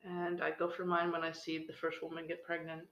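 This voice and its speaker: A woman's voice: low voice, completely flat delivery, a little fast, a bit bright, roomy sound, muffled recording, slight background noise. A woman co-hosting a casual podcast, from Canada, making dry, wry remarks. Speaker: podcast co-host. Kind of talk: casual chat.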